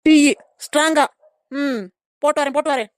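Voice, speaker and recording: A woman voicing a sharp-tongued, grumbling young daughter-in-law in a cartoon comedy. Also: sits high, fairly even intonation, moderate pace, no room sound, studio quality, close to an everyday voice. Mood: sarcastic. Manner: grumbling, sarcastic.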